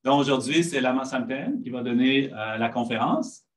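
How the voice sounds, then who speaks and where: A man opens the event as its host, greeting everyone warmly in a middle-pitched voice. His delivery is friendly but hesitant, with frequent fillers between phrases. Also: moderate pace. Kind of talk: introduction.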